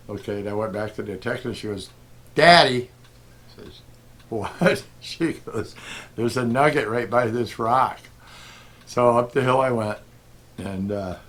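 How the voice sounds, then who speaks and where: A middle-aged man telling a story in a casual, rambling way, full of fillers and soft chuckles, as a gold prospecting vlogger. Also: fairly low pitch. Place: outdoors at a desert detecting spot.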